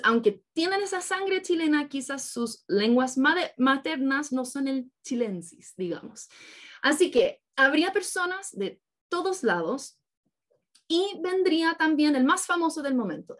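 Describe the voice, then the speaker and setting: A woman preaching a sermon to her congregation, painting vivid scenes and often checking in with her listeners. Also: sits high. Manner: engaging, keeps checking in with listeners; vivid storytelling with imagined scenes.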